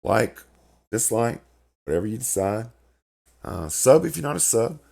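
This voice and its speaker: His mid-range voice is sing-song, a little slow and a little mellow, yet crackly and gravelly. The middle-aged gaming video host records from a home room indoors, rambling through casual commentary, repeating words, and swearing when annoyed.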